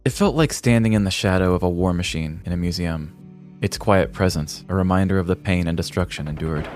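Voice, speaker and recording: With faint music underneath, a low-pitched American podcast host in his thirties reads comedic, scripted story narration fairly quickly, his tone a little mellow.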